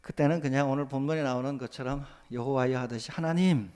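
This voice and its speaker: A male pastor preaching a sermon, moving from calm teaching into loud, impassioned spoken prayers. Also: medium pitch, fast talker, clear, resonant tone. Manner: rises to loud impassioned voiced prayers, then drops back to calm teaching.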